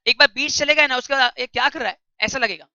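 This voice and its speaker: A woman tutor giving a classroom lecture, reading English text slowly and explaining it in chatty while quizzing her students. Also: high-pitched, pushed and bright, no echo. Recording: dull lo-fi recording.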